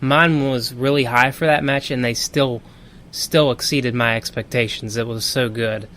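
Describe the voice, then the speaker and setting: A man's voice: mid-range voice, fairly even intonation, measured pace, a bit bright. A young man co-hosting a wrestling podcast, talking with enthusiasm in casual chat. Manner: enthusiastic, picks match of the week. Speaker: podcast co-host.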